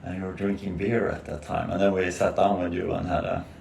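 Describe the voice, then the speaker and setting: A man's voice: deep voice, flat delivery, brisk, vocal fry, darkish tone. A man from Sweden, a nervous, hesitant podcast guest who uses many fillers, speaking over a video call. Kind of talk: casual conversational interview. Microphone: video call camera. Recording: echoey room with faint noise.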